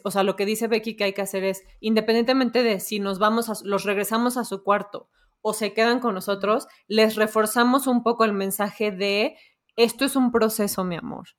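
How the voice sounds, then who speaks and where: A woman co-hosting a podcast, explaining parenting experiences in relaxed, thoughtful conversation. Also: mid-range voice, moderate pace. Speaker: podcast co-host. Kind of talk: casual chat.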